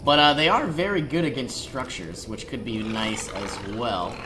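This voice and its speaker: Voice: medium pitch, moderate pace. A person giving casual walkthrough commentary while playing a strategy game. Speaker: gameplay commentator. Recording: noisy, game sound behind voice. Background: strategy game sounds.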